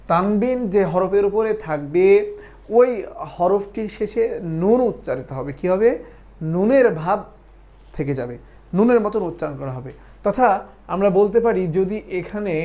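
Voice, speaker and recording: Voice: mid-range voice, a little mellow. A Quran recitation teacher giving an online lesson, patiently explaining step by step, asking questions and then answering them and repeating points for drilling.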